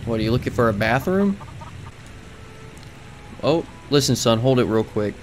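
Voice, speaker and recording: A young man giving jokey, playful commentary on his video game, sometimes yelling in mock panic. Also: mid-range voice, animated, normal speed, noisy background. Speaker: gaming video creator. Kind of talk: comedic gameplay commentary. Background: game music.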